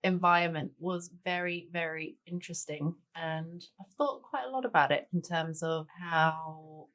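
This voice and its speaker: A guest chef and cookbook author in her forties talks a little slowly, her fairly low voice carrying a fairly bright tone. She was born in Denmark and raised in Tanzania, and she chats easily through a relaxed interview, frequently saying "sort of" and "you know."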